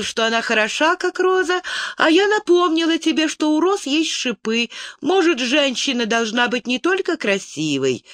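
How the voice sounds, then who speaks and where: An audiobook reader voicing a quick, teasing young girl with a sharp tongue. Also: mid-range voice, dry recording, clean studio sound, pitched above the performer's own voice.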